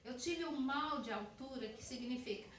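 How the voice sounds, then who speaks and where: A woman's voice: sits high, normal speed, fairly bright tone. A woman missionary with a Brazilian Portuguese accent giving a testimony sermon, talking conversationally and addressing the congregation directly. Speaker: missionary preacher. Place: church hall. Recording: echoey church hall, distant mic.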